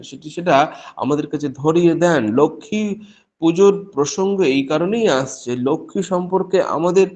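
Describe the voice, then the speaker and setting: Bengali professor giving a spiritual talk. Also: male voice, on the high side, darkish tone. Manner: repeats and restarts phrases while explaining; acts out quoted exchanges in a story. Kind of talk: spoken discourse on spiritual teachings.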